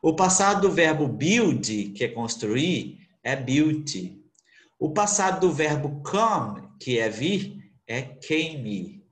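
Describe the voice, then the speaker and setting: Man teacher, online class, animated pitch, echoey room. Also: takes it slowly. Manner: lively, repeats questions and answers them himself. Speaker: English teacher. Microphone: computer mic on video call. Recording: roomy video call audio.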